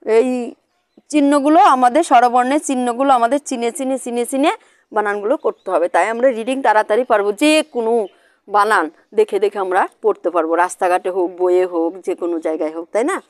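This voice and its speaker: A woman teaching young children to spell, sounding out letters slowly in a sing-song way and often asking them questions. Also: a little high, fairly even intonation, no echo, studio quality.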